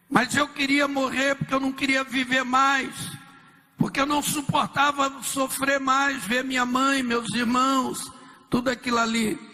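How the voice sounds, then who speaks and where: A man, a pastor, telling his life story in an intense, emphatic sermon-style testimony with dramatic pauses. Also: very high-pitched, sharp tone, big-room sound, low-quality recording.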